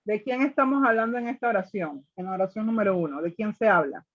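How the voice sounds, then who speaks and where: A woman's voice: mid-range voice, quick pace, muffled recording. Patient woman teacher on a video call. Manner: patient, step by step, often checking with "ok?". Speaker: English teacher. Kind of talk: online class explaining grammar, mixing Spanish and English.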